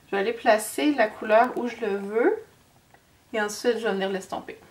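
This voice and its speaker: Québécois woman vlogger, head cold, chatty and hesitant, fairly high voice, set back from the mic. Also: moderate pace. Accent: Québécois French. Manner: chatty, hesitant, many fillers and slips. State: has a cold. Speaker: beauty vlogger. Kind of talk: makeup tutorial. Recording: distant mic with faint noise.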